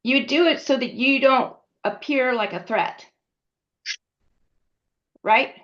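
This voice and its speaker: In a high, fairly bright voice, a woman instructor lectures slowly and conversationally, frequently checking in with her class. The audio is a dull lo-fi recording.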